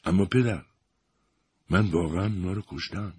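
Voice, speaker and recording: A man voicing a sly, insistent woman in an audiobook, raising his pitch and keeping his tone soft. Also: slightly rough, no echo. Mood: hushed. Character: sly, insistent woman with a cool, quiet manner. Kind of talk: audiobook character voice.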